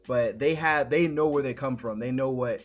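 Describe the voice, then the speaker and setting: A man's voice: mid-range voice, normal speed, lo-fi sound. Male co-host, easygoing and rambling, on a video-call podcast, with music faint in the background. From New York. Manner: relaxed, rambling, thinks aloud with many restarts. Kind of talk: casual live-stream chat.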